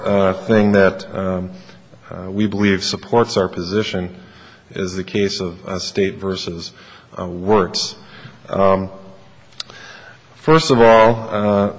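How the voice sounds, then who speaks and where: A man giving a formal oral argument as an attorney, hesitant and halting, with very frequent ums and uhs. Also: low-pitched. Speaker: attorney arguing an appeal. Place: large courtroom. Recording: reverberant courtroom.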